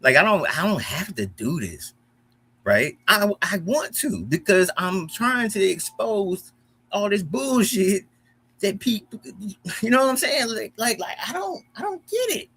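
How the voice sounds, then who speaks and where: Heated, profane American man, animated. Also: high voice, unhurried, husky. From United States. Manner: animated, profane, repeats himself when heated. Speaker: commentary host. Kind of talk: heated reaction commentary.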